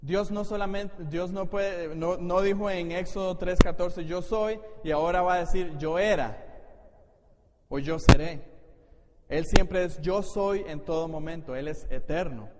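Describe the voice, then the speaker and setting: A man's voice: sits high, measured pace. A man with a Costa Rican accent, a pastor giving a Bible study to his congregation in an explanatory teaching manner. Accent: Costa Rican Spanish. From Costa Rica. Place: church hall. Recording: echoey church hall, faint noise.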